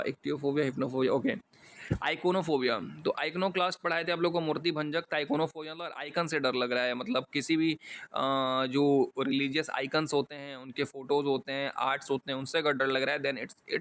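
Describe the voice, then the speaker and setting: A man with an Indian accent giving a casual vocabulary lesson, chatty with jokey asides and some stumbles over long words. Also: a little high. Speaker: exam English teacher.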